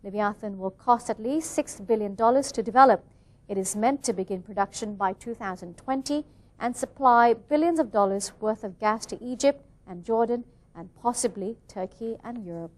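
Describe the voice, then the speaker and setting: A woman's voice: a little high, normal speed, darkish tone. A woman reading scripted television news as an anchor.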